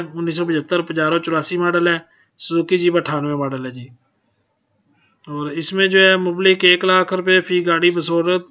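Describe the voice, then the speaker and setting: A Pakistani man reads auction announcements on his own channel, plainly and with a polite "ji" attached to most lines. His voice is a little high with a sharp tone. The audio sounds muffled.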